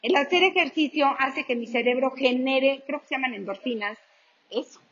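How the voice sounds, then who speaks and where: A middle-aged woman with a Mexican accent giving an animated, joking motivational talk to an audience. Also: high-pitched, normal speed, slight background noise. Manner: animated, joking, voices quoted people. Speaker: motivational speaker. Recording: slightly dull, lo-fi sound.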